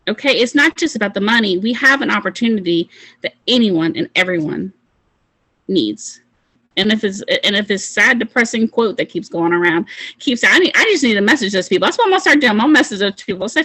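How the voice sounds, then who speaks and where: A woman's voice: fairly high pitch, bright, forceful tone, slightly rough, dry recording, rough recording. Fired-up woman giving a pep talk. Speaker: team leader of a sales call. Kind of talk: motivational team call.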